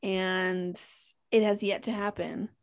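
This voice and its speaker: A woman's voice: medium pitch, level tone, slow pace. A young woman from Canada co-hosting a podcast, talking in a heated, blunt way and swearing a lot. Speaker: podcast co-host. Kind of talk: casual chat.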